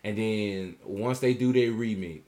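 A man's voice: lowish voice, a little slow, warm tone. A man guesting on a podcast in casual chat, stating his opinions confidently and with emphasis.

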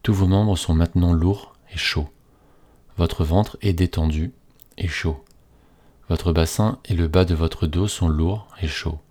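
A man reading a scripted guided relaxation in a slow, soothing, hypnotist-like manner with repetitive phrasing. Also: deep voice, steady tone, darkish tone.

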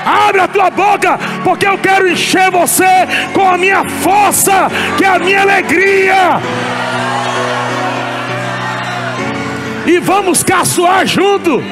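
A preacher voicing God, shouting and taunting the devil in jubilant triumph. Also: male voice, very high-pitched, a little slow, hardly any pauses, over music, crowd noise, voice pushed up.

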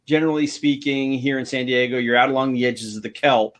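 American guy hosting a livestream, mid-pitched, just chatting casually. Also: little pitch movement, brisk. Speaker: host of a fishing show.

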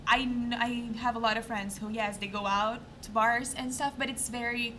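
A woman's voice: on the high side, fairly even intonation, moderate pace, pushed and bright, a little hiss or hum. A young woman from Brazil, an international student guest talking casually with many fillers. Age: young adult. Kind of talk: casual chat.

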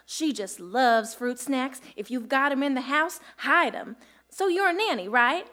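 Woman as chatty small-town mom, rambling folksy talk, high voice, radio comedy. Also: lively intonation, a little slow, pushed and bright, heavily acted. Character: rambling, folksy mother of a little girl. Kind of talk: live comedy radio play.

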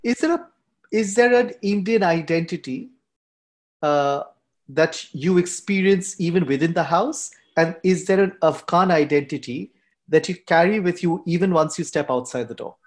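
A man hosting a podcast, asking questions softly with frequent fillers. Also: on the high side, moderate pace. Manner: soft-spoken, many fillers. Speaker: podcast host. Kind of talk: interview questions.

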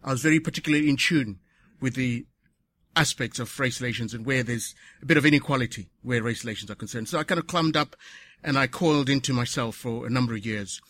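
A man speaking at a conference, short of breath, earnest and reflective, pausing to correct himself. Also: mid-range voice, fairly bright tone, no echo. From Zimbabwe. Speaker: conference speaker, patient advocate. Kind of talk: conference speech. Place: conference hall.

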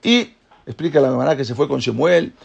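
A man teaching a Torah class, retelling the story in a lively way and acting out the characters' voices. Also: mid-range voice, a little fast, creaky, breathy edge, dull audio. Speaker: religious teacher.

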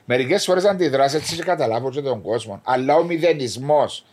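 Man, cypriot greek accent, podcast host, mid pitch, easygoing. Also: lively intonation, darkish tone. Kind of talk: casual podcast chat.

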